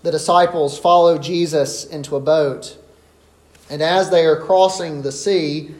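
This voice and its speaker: A man's voice: on the high side, a little mellow, roomy sound. A man preaching an expository sermon in an earnest, emphatic way. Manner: earnest, emphatic, rises sharply when voicing the disciples.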